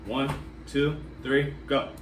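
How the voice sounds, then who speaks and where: A man's voice: mid-range voice, little pitch movement, slow pace. A man casually hosting a challenge, addressing the group, counting down and explaining the rules. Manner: addresses a group with y'all and guys. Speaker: host of a candy challenge. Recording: echoey room, distant mic, background noise.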